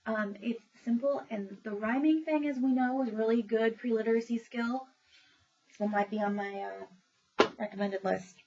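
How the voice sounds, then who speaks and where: A woman's voice: on the high side, steady tone, moderate pace, a little mellow. A woman public librarian casually reviewing children's books, chatty and informal with many fillers and frequent laughs. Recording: dull lo-fi recording with faint noise.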